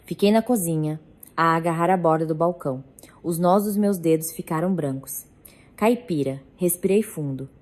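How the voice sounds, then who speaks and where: A woman narrating a scripted first-person drama story in a measured, dramatic way. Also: lowish voice, a little mellow.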